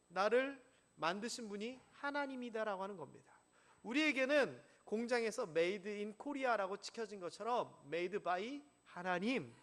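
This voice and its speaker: A male pastor preaching a sermon in a church, questioning the congregation and acting out stories. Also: high-pitched. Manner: animated, asks the congregation questions, acts out stories. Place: church sanctuary.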